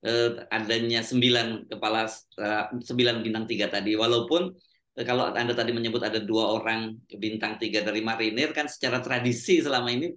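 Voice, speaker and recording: A man's voice: on the low side, fairly even intonation, a little fast, a bit bright, roomy sound. A man hosting a casual discussion, prompting with questions and hesitations. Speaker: host.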